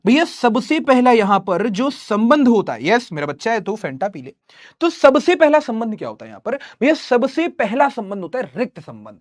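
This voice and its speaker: A man's voice: high voice, dry recording, studio quality. A young man teaching math live online, teasing students and reading their chat messages.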